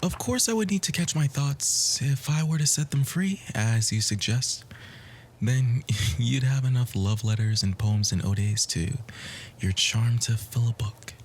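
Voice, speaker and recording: In a flirtatious ASMR roleplay, a man plays a charming, composed bookish romantic, speaking softly and breathily in courtly, flowery lines that often sink to a whisper. His mid-range voice has lively intonation and a measured pace, lightly acted, with a faint hiss or hum. The mood is tender and flirtatious.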